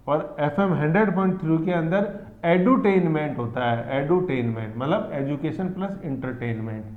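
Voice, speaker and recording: A man teaching an exam-prep class in a conversational way, often repeating points and checking in with the students. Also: on the high side. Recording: dull lo-fi sound.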